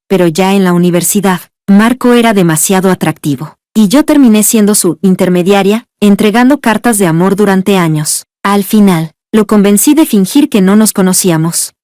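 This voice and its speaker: A woman narrating a first-person story in a calm, even storytelling delivery. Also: medium pitch, dry recording, clean studio sound.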